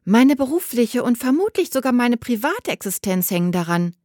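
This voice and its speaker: A woman's voice: a little high, big pitch swings, moderate pace, a little mellow, no room sound, studio quality, pitched above the performer's own voice. A woman voicing a harried woman mayor who speaks sheepishly and defensively. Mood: strained. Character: harried adult woman mayor, proud but cornered.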